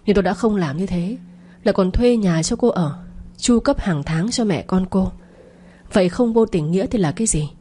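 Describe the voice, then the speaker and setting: A woman's voice: mid-range voice, normal speed, dark tone, husky, close to an everyday voice. A woman voicing a cold, scornful young man, rich son of the family, lecturing his father's mistress in an audio story. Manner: lecturing, contemptuous.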